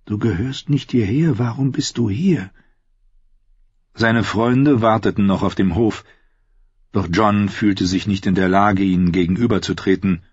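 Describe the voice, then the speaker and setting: A man narrating an audiobook in a steady, measured storytelling voice, recorded close on a slightly dull lo-fi recording. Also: sits low, husky, no room sound.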